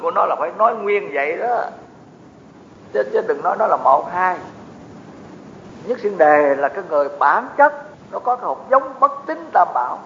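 Monk in echoey hall. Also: male voice, fairly high pitch, a bit bright. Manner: explanatory, folksy asides to the audience. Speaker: Buddhist monk teaching. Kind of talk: dharma talk. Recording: echoey hall, dull lo-fi with faint noise.

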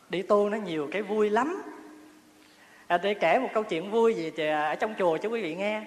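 A male Buddhist monk, giving a chatty, humorous dharma talk and often asking his listeners questions. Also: high voice. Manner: chatty storytelling, laughs often, asks the audience questions. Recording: roomy hall with long reverb, faint ambience.

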